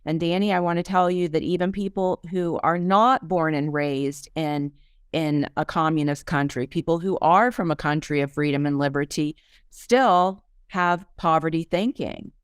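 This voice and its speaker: A woman's voice: deep voice, moderate pace, clear, resonant tone, no room sound, studio quality. A woman hosting a faith-based business podcast, teaching in an emphatic, preachy way and reading testimonials aloud. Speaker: podcast host and business coach. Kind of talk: motivational teaching talk.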